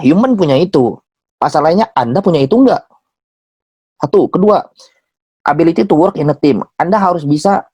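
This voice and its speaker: Man, from Indonesia, accounting lecturer, informal and animated, gravelly voice, dry recording. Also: mid-range voice, no echo. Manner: animated, mixes English phrases, acts out dialogue.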